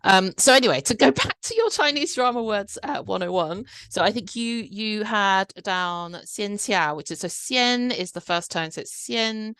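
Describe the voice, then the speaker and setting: A woman's voice: fairly high pitch, very animated, normal speed, hardly any pauses, a bit bright, dry recording. A woman hosting a podcast, explaining things step by step in casual chat, with many restarts and fillers. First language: Cantonese. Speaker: podcast host.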